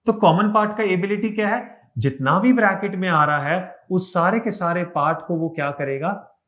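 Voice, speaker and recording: A man's voice: high-pitched, moderate pace, fairly bright tone. A man teaching an online exam-prep lesson in a mix of Hindi and English, with an Indian accent, explaining step by step and asking and answering his own questions.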